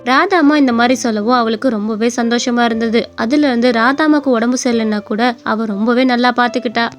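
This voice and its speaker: A woman narrating a cartoon story in a plain, steady storytelling manner. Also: on the high side, quick pace, faint music behind.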